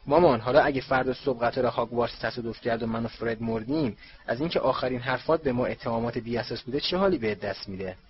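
A man's voice: medium pitch, dull audio, natural voice. A man voicing a cheeky teenage wizard prankster, mock-wounded and teasing.

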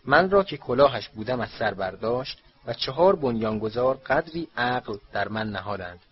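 A man's voice: mid-range voice, lively intonation, breathy edge. A man voicing an old magical talking hat as it recites its song in a storybook reading, on a dull lo-fi recording. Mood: proud recital.

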